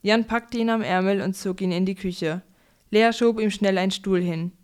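A woman's voice: mid-range voice, steady tone, moderate pace, a little mellow, smooth. A woman reading a children's story aloud as a storyteller.

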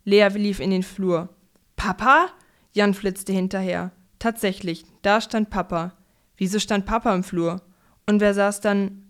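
A woman reads a children's bedtime story aloud as storyteller. Her voice is smooth, clear and resonant, at a mid pitch. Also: steady tone, unhurried.

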